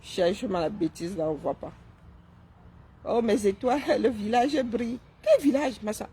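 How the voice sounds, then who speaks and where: A woman's voice: mid-range voice, sing-song, normal speed, warm tone, breathy edge. A woman doing live-stream commentary while seated, mocking and sarcastic, often tossing in "hein?". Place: seated indoors.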